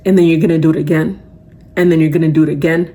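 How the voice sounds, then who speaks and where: A young adult woman hosting a podcast gives a casual, emphatic motivational talk in a low voice at rapid-fire speed. She's animated and conversational, packing in lots of fillers.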